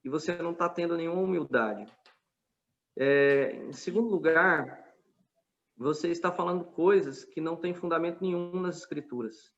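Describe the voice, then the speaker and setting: A man with a Brazilian Portuguese accent recounts events in a podcast conversation, earnest and quoting dialogue as he goes. His voice sits fairly high for a man. The recording is dull and lo-fi. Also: moderate pace, a bit bright. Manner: earnest, retelling a street debate with quoted dialogue. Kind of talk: casual podcast storytelling.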